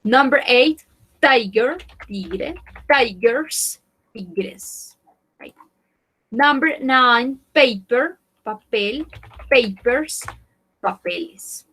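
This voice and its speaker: Una profesora de inglés hispanohablante que da una clase en línea. Repite cada palabra con calma, pasando del inglés al español. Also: female voice, high-pitched, poor audio. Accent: Spanish-speaking, Latin American. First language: Spanish. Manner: slow, drawn-out word drilling, repeating each word. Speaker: English teacher. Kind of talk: online language lesson.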